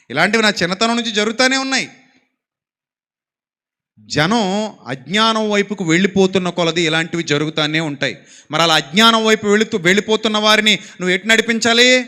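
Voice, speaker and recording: A man preaching a sermon, exhorting his listeners with rhetorical questions and having them repeat lines after him. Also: sits high. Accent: Telugu. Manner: exhorting, asks the congregation to repeat lines aloud; rhetorical questions, swings between soft and loud.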